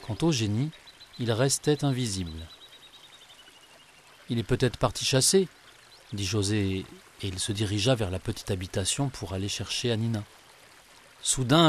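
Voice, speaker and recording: A man narrating a children's tale in a calm, measured way. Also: medium pitch, slight background noise. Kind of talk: storybook narration.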